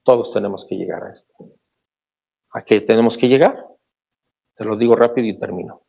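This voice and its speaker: A man's voice: on the low side, brisk, gravelly, mellow, husky. A male pastor delivering a sermon and prayer, preaching with rhetorical questions to his congregation. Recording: dull lo-fi recording.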